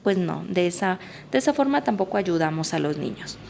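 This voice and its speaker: Gravelly woman explaining a book. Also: lowish voice, lively intonation, a little fast, darkish tone, a little hiss or hum. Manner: conversational, acts out parent and child quotes. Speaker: psychologist. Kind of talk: book summary talk.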